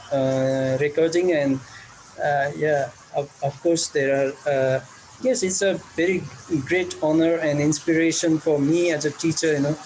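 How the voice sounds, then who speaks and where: Nepali-accented male teacher, slow halting delivery, slightly raised pitch, faint background noise. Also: darkish tone, rough recording. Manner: halting, many fillers and restarts. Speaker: teacher and club organizer. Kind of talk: video call chat. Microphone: video call.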